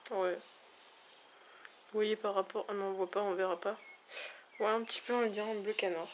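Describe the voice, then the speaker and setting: A woman with a mid-range voice talks casually while swatching eyeshadows. She chats along hesitantly, filling pauses with small fillers. A faint noise sits behind her home recording. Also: medium pitch, steady tone. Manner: chatty, hesitant, many fillers. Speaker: beauty vlogger. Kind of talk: casual makeup swatch review. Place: at home, near a window with backlight.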